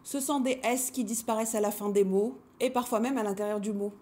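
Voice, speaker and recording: A woman hosting a language-learning video, talking to the camera in a measured, reflective way and posing rhetorical questions to her viewers. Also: fairly high pitch, steady tone, darkish tone. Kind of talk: reflective scripted talk to camera.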